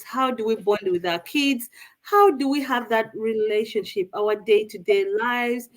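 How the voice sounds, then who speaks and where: Through a video call, a live show host from Uganda runs an online panel, chatting cheerfully and addressing viewers directly. Her voice is a little high with a fairly bright tone, and the audio quality is poor.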